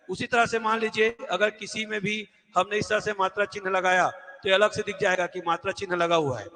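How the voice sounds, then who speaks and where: A Hindi teacher leads an exam-prep class, his voice high and bright. He poses questions, answers them himself, and repeats the key words, while a long reverb from the echoey classroom trails after him.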